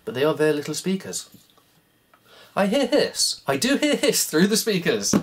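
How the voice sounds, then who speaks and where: A hobbyist repair vlogger with a croaky, medium-pitched voice takes apart a cassette player at home, rambling through a self-mocking running commentary. He is very animated and speaks at a normal speed.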